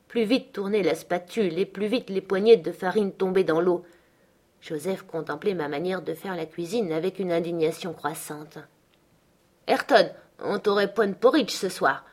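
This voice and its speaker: A woman's voice: fairly low pitch, a little mellow. Woman reading a classic novel. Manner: measured first-person storytelling. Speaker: audiobook reader. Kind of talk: literary audiobook narration.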